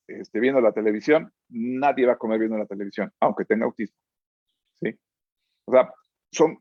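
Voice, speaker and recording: Husky man lecturing with a Mexico City accent. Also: mid-range voice, darkish tone, no room sound, dull audio. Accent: Mexico City Spanish. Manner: keeps checking in with a questioning "¿sí?"; earnest, explanatory, uses fillers like "este". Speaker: psychologist giving a keynote lecture. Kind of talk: lecture with told anecdotes.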